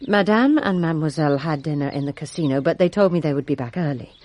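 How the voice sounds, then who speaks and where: A woman with a deep, slightly mellow, natural voice talks fast while playing a servant in a radio drama. Her testimony is careful, formal and deferential, told with precision, and though composed she resents a rival.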